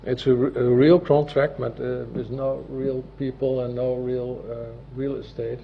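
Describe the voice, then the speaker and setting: A man with a Dutch accent gives a formal presentation as a notary, speaking in a deliberate, halting way. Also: medium pitch, little pitch movement, creaky. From Netherlands. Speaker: civil law notary giving a presentation. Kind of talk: formal presentation, partly read from a script. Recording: dull, muffled audio with loud background noise.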